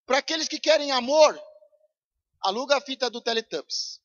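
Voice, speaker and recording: Pastor, male, são paulo brazilian accent, high-pitched, fiery sermon, shouts then drops low, dull lo-fi church recording. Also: animated, normal speed. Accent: Brazilian Portuguese, São Paulo. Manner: shouting urgent pleas, then dropping to low intense tones. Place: church service.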